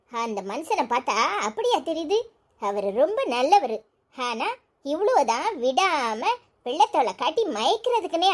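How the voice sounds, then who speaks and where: A woman voicing a young village wife in a cartoon, grumbling and scolding. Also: high-pitched. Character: young village wife, sulky and sharp-tongued. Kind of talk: cartoon storytelling.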